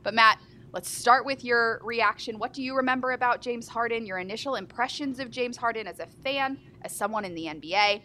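A woman's voice: on the high side, brisk, pushed and bright, a little hiss or hum. A woman from Houston hosting a live basketball talk show, speaking with enthusiastic emphasis. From Houston, Texas. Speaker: sports show host.

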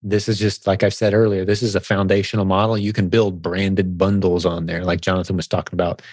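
A man hosting a live video-call Q&A, relaxed and encouraging, calling people buddy and man. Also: deep voice, fairly quick, dry recording. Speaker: podcast host answering seller questions.

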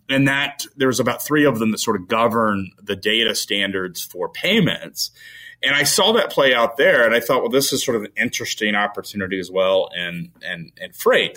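A man's voice: lowish voice, pushed and bright. A man answering interview questions as a company founder, rambling with frequent restarts and fillers.

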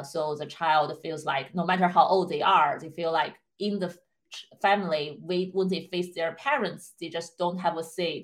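A woman hosting a podcast, speaking in a measured, clear, explanatory way as she introduces the topic and interviews a guest. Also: deep voice. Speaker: podcast host, clinical psychologist.

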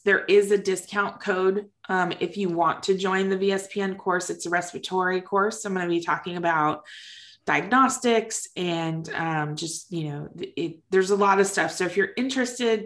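A woman podcast co-host chats casually in a big, empty indoor room. Her voice carries a roomy echo off the bare walls, and she speaks at a middle pitch. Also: a bit bright.

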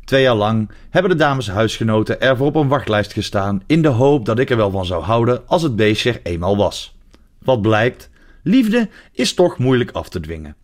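A man's voice: mid-range voice, big pitch swings, normal speed. A Dutch man in his forties with a Dutch accent, reading his humorous column aloud on the radio in a dry, ironic way. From Netherlands. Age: 40s.

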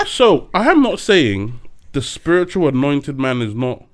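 A man co-hosting a casual chat, animated, laughing often, pressing his points with a preacher's emphasis. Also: mid-range voice, a little slow, noisy background.

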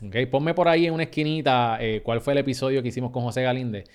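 A man with a Puerto Rican accent hosting a podcast, talking to his listeners in an upbeat, energetic way. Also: mid-range voice, fast talker, smooth. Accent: Puerto Rican Spanish. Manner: upbeat, addresses listeners as "mi gente". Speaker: podcast host. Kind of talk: energetic podcast intro and interview.

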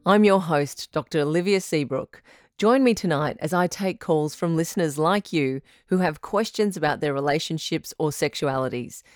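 A woman playing the smooth, reassuring host of a radio call-in advice show. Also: deep voice, normal speed, a little mellow, dry recording, clean studio sound, close to an everyday voice. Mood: calm, welcoming. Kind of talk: scripted radio call-in drama.

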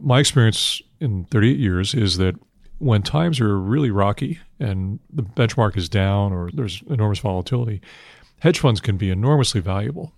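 An older man answering interview questions on finance in a measured, matter-of-fact investment banker manner, heavy with industry jargon. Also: on the low side, lively intonation, vocal fry, darkish tone, no room sound, studio quality. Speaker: institutional investment manager being interviewed.

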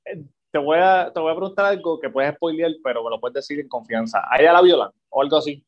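A man's voice: fairly high pitch, quick pace, highs cut off. A man co-hosting a podcast, telling stories with lots of swearing. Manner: profane, animated storytelling. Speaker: podcast co-host. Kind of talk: casual chat.

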